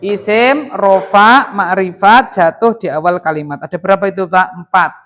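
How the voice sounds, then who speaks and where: A man's voice: high voice, normal speed, fairly bright tone. A man teaching grammar in a classroom, quizzing students in call-and-response.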